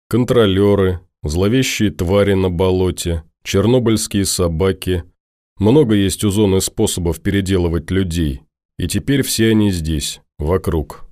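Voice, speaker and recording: A man voicing a tired, bitter deserter who speaks curtly in his own low voice. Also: measured pace, warm tone, dry recording, studio quality. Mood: weary. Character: weary, grim male deserter.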